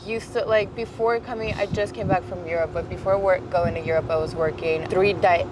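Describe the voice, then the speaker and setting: A woman's voice: lowish voice, fairly even intonation, a little fast. Young woman chatting on a noisy rooftop. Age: young adult. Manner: chatty, trails into restarts and fillers. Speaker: interview guest. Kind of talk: casual conversation. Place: Brooklyn rooftop outdoors. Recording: outdoor city noise behind.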